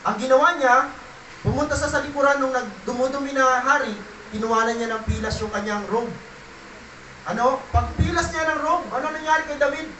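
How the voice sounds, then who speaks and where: A man preaching a Sunday sermon in a very high, bright voice that cuts through the room. He swings from loud, rising bursts to hushed, low passages. The sound is roomy and picked up from some distance, with faint noise underneath. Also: fairly quick. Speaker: pastor.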